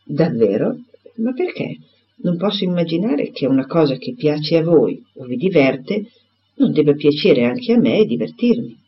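A man voicing a spirited young gentlewoman. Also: a little high, sing-song, breathy edge. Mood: eager. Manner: quick, exclaiming questions. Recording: dull lo-fi recording.

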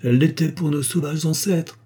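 A man voicing a captured spy who argues gravely about death and then begs for his life, with a warm, husky voice. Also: fairly high pitch, fairly even intonation, moderate pace, pitched above the performer's own voice. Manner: grave reasoning, then frantic pleading. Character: captured male spy, philosophical then desperate.

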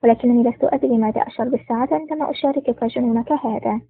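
A woman's voice: on the high side, rapid-fire, breathy edge, dry recording. Woman reading as a jolly heavyset sidekick, tinny. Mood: jovial. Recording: tinny phone-like dry recording.

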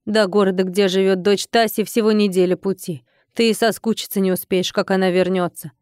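A woman voicing a calm, self-assured scheming man in an audiobook, cool and mildly mocking. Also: mid-range voice, a little fast, no room sound, clean studio sound, natural voice. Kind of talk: audiobook character reading.

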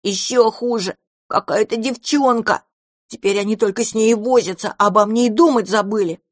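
A woman's voice: fairly high pitch, steady tone, normal speed, a little mellow, dry recording, voice pushed up, lightly acted. A woman voicing a gloomy, stubborn little male house sprite who has run away from home and keeps close to tears. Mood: sulky. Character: sulky little male mouse-foe house sprite, runaway boy.

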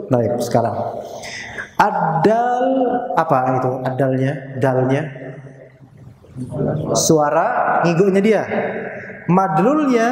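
A man teaching a religious study class, explaining points and asking his listeners questions. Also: sits high. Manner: lively, asks the audience questions. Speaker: Islamic teacher. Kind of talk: recorded religious study lesson. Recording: echoey hall with faint noise.

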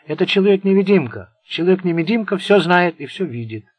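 A man's voice: high voice, animated, brisk, dry recording, pitched above the performer's own voice. A man voicing a bitter, sardonic Italian gangster who rambles nervously. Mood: sarcastic. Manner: sarcastic, venomous.

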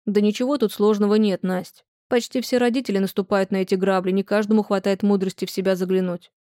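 A woman voicing a calm, thoughtful young man who reasons patiently. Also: mid-range voice, quick pace, no room sound, studio quality, lightly acted.

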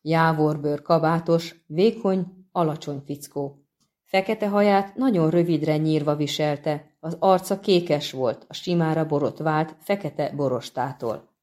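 A woman narrating an audiobook in a calm, measured reading. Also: sits low. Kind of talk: scripted narration.

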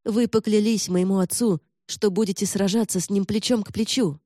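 A man's voice: high-pitched, fairly even intonation, normal speed, no room sound, clean studio sound, voice pushed up, close to an everyday voice. A man voicing a defiant young noblewoman. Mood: pleading. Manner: sharp, accusing questions.

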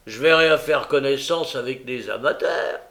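A man reading an audiobook, voicing a boastful, swaggering young man with brash, loud outbursts. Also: medium pitch, moderate pace, lightly acted. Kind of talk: audiobook character voice.

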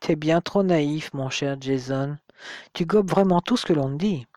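A man reading the part of a mocking, bitter young man with a slow, taunting way of talking. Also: a little high, darkish tone, dry recording, clean studio sound, lightly acted. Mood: sneering.

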